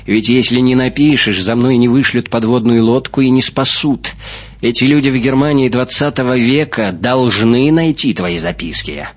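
A man reads as an earnest young woman who was once held captive, recounting her story with animated storytelling. The voice is a little husky and sits a touch higher than his narration. The audiobook sound is muffled. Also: normal speed, close to an everyday voice. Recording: muffled lo-fi recording.

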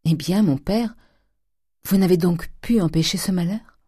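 Naive young daughter, earnest and wondering, voiced by a woman narrator; higher, soft. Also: measured pace, slightly rough, no echo, clean studio sound. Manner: wondering, pleading questions. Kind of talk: audiobook character reading.

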